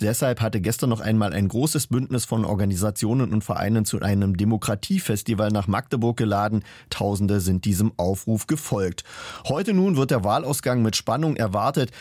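A man reporting for radio news in a steady, factual scripted delivery. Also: lowish voice, no room sound, studio quality.

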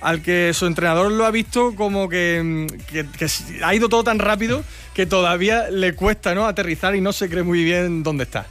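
A male radio sports reporter briefing his host in an easygoing, conversational way, dropping in the odd "pues" and "eh". His voice is a bit higher than average for a man. A faint music bed runs behind him. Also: normal speed, a bit bright.

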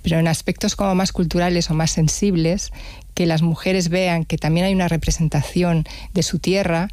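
A woman's voice: on the low side, fairly even intonation, moderate pace, a little mellow, no room sound. A woman jazz musician speaks as a radio guest, with a dry, close sound. She talks reflectively and stammers on a word now and then. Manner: reflective, stammers on some words. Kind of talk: radio interview.

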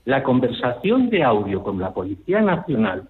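A man's voice: mid-range voice, sing-song, normal speed. A man calling in over the phone to a radio show, indignant and insistent as he lays out his complaint. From Spain. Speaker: caller. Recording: tinny phone line.

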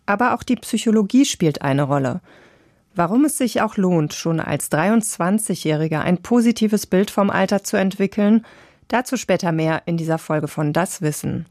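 A woman reading a calm, scripted science radio feature. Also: lowish voice, moderate pace, no echo, studio quality. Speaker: radio narrator.

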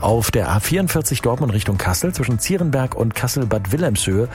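A man hosting an afternoon radio show, reading traffic news and chatting in a cheerful, energetic way. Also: mid-range voice, a little fast, soft background music. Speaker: radio host. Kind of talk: upbeat radio presenting with traffic report.

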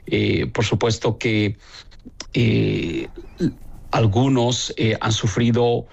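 A man from El Salvador, a bishop, answering interview questions slowly, with many pauses and fillers. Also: fairly low pitch, flat delivery, gravelly, a little mellow, slightly rough, muffled recording.

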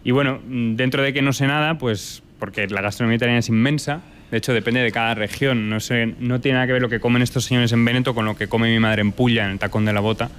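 This young Spanish man is a chef answering questions about his cooking. He talks in a thoughtful, meandering way, full of fillers and restarts, at a middling pitch. A faint background noise sits under the recording. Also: steady tone, fast, few pauses, fairly bright tone. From Spain. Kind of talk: relaxed interview answers.

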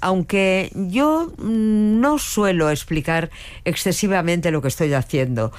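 An older woman, a veteran dubbing actress with a strong voice, answers interview questions. Her voice sits on the low side and she speaks a little slowly, hesitating often with many fillers and restarts.

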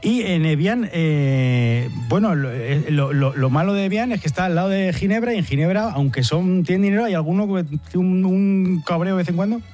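A man's voice: sits high, normal speed, hardly any pauses, music in the background. A man with a Spanish accent from Spain hosting a satirical news chat, full of ironic asides. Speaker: radio host.

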